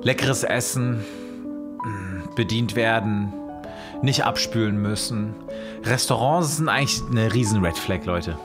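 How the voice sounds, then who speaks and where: A man's voice: fairly low pitch, unhurried, over music. A man in his thirties giving casual, joking reaction commentary at a studio mic in a small room. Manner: joking, teasing asides. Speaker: streamer reacting to a dating show. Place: small cozy room at home. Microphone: studio mic in front of face.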